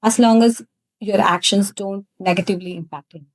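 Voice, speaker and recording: A woman's voice: medium pitch, steady tone, brisk, rough recording. A woman from South India, a native Tamil speaker with a thick South Indian accent, answering interview questions in an earnest, emphatic way. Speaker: interview guest, cosmetics business founder.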